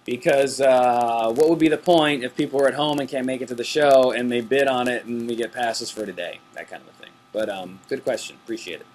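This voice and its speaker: A relaxed, chatty middle-aged man hosts a backstage webcast. His voice sits at an ordinary pitch for a man, and he laughs easily between the viewer questions he reads out. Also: brisk, few pauses. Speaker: webcast host. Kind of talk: casual backstage chat reading viewer questions.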